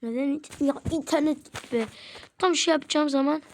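High-pitched woman, casual game commentary host, excitable and taunting. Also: moderate pace, a little hiss or hum. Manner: taunts opponents, chatty and excitable. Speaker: gaming channel host.

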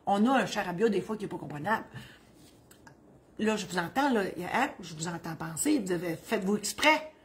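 A woman's voice: medium pitch, expressive, brisk, a little hiss or hum. A middle-aged woman with a Quebec French accent, a notary who gives legal advice in a chatty, joking, digressive way and explains things plainly. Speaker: notary answering legal questions. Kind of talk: humorous legal advice column.

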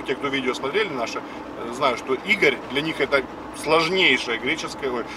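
Driving down the road, a man in his fifties hosts a relaxed spoken lesson, explaining each word in turn in a chatty way. His voice is medium-pitched and his speed normal. The audio comes from a dashboard camera, distant and full of road noise.

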